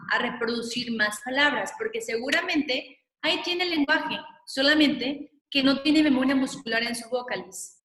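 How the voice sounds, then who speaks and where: A woman speech therapist, patiently explaining in a webinar and sounding out syllables slowly. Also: high-pitched, bright, forceful tone. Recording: echoey room, long reverb.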